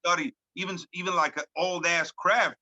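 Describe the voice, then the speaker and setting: A high-pitched man in his thirties, a hip hop artist born in France who grew up in Lebanon, talks at a moderate pace with fairly even intonation and a sharp tone. As a guest in a casual video call interview, he keeps it laid-back and slangy, leaning on "you know what I'm saying." The video call audio is dull and lo-fi, with no echo.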